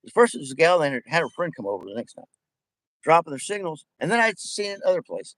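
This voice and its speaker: A man's voice: fairly high pitch, big pitch swings, fairly quick, a bit bright, dry recording, poor audio. A man with missing front teeth in a casual, profanity-laden rant, talking in a rambling, emphatic, repetitive way. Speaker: vlogger addressing viewers.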